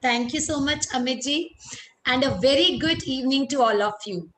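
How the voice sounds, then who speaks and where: A chartered accountant with a North Indian accent lectures in an interactive webinar, speaking directly to listeners and mixing some Hindi into her English. Her voice sits high and fairly bright at a normal speed, with roomy echo and clear background noise.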